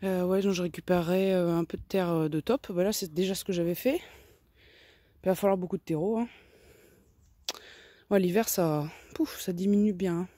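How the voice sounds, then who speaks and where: A woman talks casually outdoors about her chicken coop and garden, explaining each step in a chatty way full of little tag questions. Her voice is mellow and a bit breathy. The sound is close and dry. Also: on the low side, steady tone, normal speed, long pauses, no room sound. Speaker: vlogger keeping chickens and a garden.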